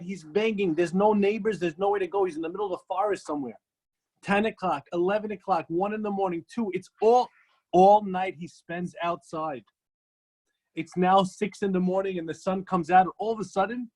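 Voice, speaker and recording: A man's voice: high-pitched, normal speed, darkish tone. A rabbi teaches an ethics class with emphatic, storytelling delivery. He leans on repeated phrases to drive each point home. He speaks from the pulpit in an unpolished, conversational way.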